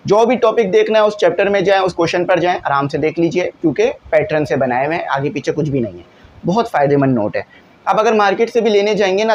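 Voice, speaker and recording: A man's voice: high voice, a little mellow, highs cut off, slight background noise. A male teacher, patiently explaining exam answers in a classroom lesson and often checking in with his students. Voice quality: glasses wearer.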